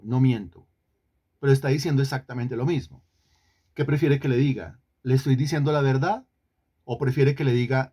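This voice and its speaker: A man's voice: mid-range voice, warm tone. A man teaching an online Bible lesson, often repeating himself and putting questions to the students. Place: online class.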